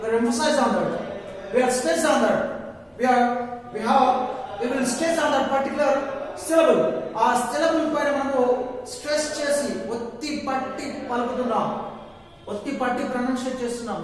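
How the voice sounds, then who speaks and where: A high-voiced man with a Telugu accent, teaching a class in a slow, drawn-out way and repeating himself often. He is recorded from far off in a very echoey room with a long reverb tail. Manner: repetitive, stretching words slowly, mixing English and Telugu. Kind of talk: classroom lesson.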